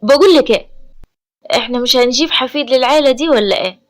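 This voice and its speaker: A woman's voice: high-pitched, racing, natural voice. Woman voicing a commanding Egyptian husband. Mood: tender. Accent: Egyptian Arabic. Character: stern powerful man, quick-tempered but loving husband.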